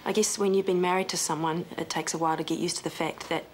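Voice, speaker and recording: A guarded ex-wife in a television soap played by a woman talks in a fairly low voice. She is blunt and earnest, over noticeable background noise. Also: steady tone, quick pace, lightly acted. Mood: earnest, firm. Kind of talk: television soap opera dialogue. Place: indoor clinic corridor and locker room. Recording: noisy ambient TV soundtrack.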